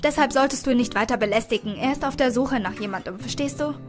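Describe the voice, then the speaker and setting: A woman's voice: high voice, fast talker, natural voice. A woman reading an audiobook and voicing a grumpy, sensible woman who answers in a dry, grumbling way, with faint music behind.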